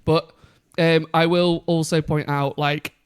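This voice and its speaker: Excitable Scottish man, fairly high voice. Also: takes it slowly, smooth. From Scotland. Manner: excitable, swears freely, lists band names. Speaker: podcast co-host. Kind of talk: casual chat.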